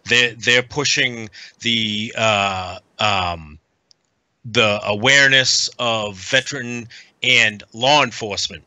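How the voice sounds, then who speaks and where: A middle-aged man from the United States, a guest in a casual podcast conversation, speaking earnestly and haltingly with frequent pauses. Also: on the low side, bright, forceful tone, dry recording. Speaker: guest, veteran nonprofit advocate.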